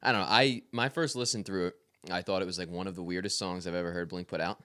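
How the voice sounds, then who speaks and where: An easygoing man co-hosting a music podcast, trading casual opinions on songs. He talks quickly in a low voice and laughs readily. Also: fairly even intonation, pushed and bright, clear, resonant tone. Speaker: podcast co-host. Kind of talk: casual music review chat.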